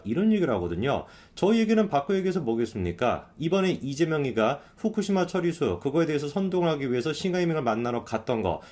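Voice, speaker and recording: Man, live-stream political commentator, sarcastic, emphatic, rapid delivery. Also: mid-range voice, a little mellow. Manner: sarcastic, emphatic, rhetorical questions.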